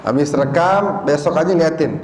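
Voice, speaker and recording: Lively preacher in an echoey hall. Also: male voice, on the high side, moderate pace, slight background noise. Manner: lively storyteller, acts out quoted characters, quotes Arabic. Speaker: religious teacher. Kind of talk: mosque study sermon with storytelling. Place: mosque hall. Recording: echoey hall with faint ambience.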